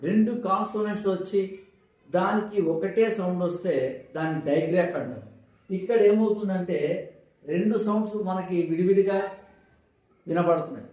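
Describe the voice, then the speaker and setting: A man teaching a phonics lesson with a mellow, dark voice. He drills by asking questions and answering them himself, repeating each word again and again. His voice rings out in a very echoey room. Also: sits high, normal speed, long pauses. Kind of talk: classroom-style phonics lesson.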